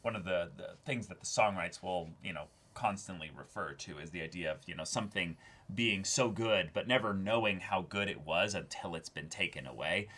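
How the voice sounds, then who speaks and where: A man co-hosting a reaction show talks a little fast in a low, sharp-toned voice. In the casual discussion he is earnest and effusive, often repeating words as he searches for the next one.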